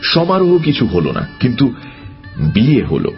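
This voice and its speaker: A man narrating a story with an expressive, varied delivery. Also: medium pitch, moderate pace, vocal fry. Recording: dull lo-fi audio with music.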